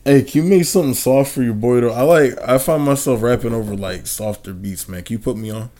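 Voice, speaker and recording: A young man co-hosting a podcast, loud and joking, swearing and laughing a lot. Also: mid-range voice, brisk. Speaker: podcast co-host. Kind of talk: casual podcast chat.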